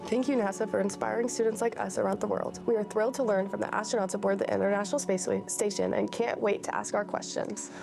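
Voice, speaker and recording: A woman's voice: mid-range voice, steady tone, fast talker, gravelly, hardly any pauses, over music. A young woman, a student speaker, reading scripted opening remarks.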